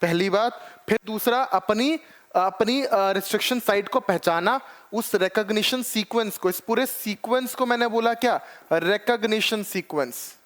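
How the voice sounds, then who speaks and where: A man's voice: high-pitched, moderate pace, fairly bright tone. A man teaching biology in an exam-prep lecture, explaining step by step and checking often that students follow. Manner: calls students "children" and "beta ji".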